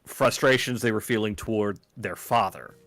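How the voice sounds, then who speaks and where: A man's voice: lowish voice, moderate pace, fairly bright tone, no room sound. A man in a casual chat while a game is played, talkative and opinionated about movies.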